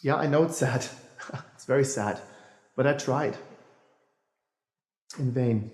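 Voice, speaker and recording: A man's voice: mid-range voice, takes it slowly, darkish tone, reverberant, in a large hall, close to an everyday voice. An actor playing a bitter, cynical man who rants sarcastically and keeps correcting himself with nervous laughs. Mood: bitter ranting. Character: bitter, cynical adult man ranting about lost faith. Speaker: actor in a stage-style monologue. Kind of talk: dramatic monologue.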